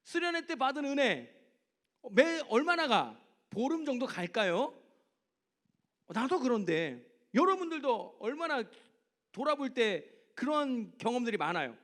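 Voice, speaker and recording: A man with a high voice preaches a youth sermon in a church service. He tells stories from his own life and keeps putting questions to the teens in front of him. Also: measured pace. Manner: animated, asks the teens direct questions. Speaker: youth pastor. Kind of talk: youth sermon with personal storytelling.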